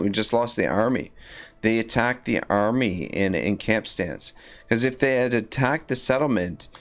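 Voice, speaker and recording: This livestream gamer's voice is fairly low-pitched, gravelly and scratchy. Playing a strategy game, he rambles casually, often using fillers and starting sentences over.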